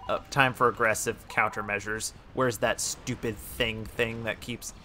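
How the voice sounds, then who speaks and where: A man giving let's-play commentary, excitable, swinging from quiet muttering to yelling at the game. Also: fairly low pitch, a little slow, soft background music. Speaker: gaming channel host.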